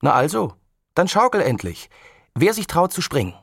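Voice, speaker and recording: A man's voice: medium pitch, animated, moderate pace, no echo, studio quality, pitched above the performer's own voice. A man reading aloud, lifting his voice to play a sceptical, know-it-all young girl who challenges her friend.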